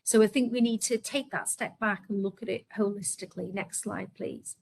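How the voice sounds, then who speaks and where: Scouse woman, webinar presenter, fast and earnest, mid-range voice. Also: medium pitch, steady tone, a little mellow, poor audio. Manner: quick, earnest, lots of ums and restarts. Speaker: healthcare leader presenting.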